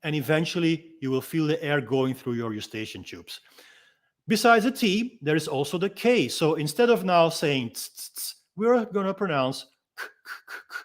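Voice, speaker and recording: A man with a fairly high voice walks through a freediving technique as an instructor. He explains patiently, step by step, and stops to demonstrate each sound himself. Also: big pitch swings, normal speed.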